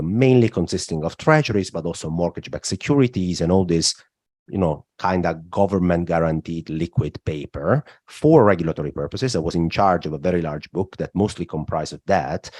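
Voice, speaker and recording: A man from southern Italy, a podcast guest explaining markets in a thoughtful way, often starting with "look" and pausing on "uh". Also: low-pitched, darkish tone, no room sound, clean studio sound. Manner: explanatory, frequent "look" and "uh" fillers. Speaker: guest, macro strategist. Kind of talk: podcast interview.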